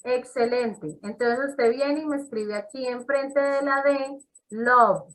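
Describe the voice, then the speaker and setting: Woman teacher, slow and patient, high voice, video call. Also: low-quality recording. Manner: patient, explains step by step and checks in with students. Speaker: English teacher. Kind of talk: online class instruction.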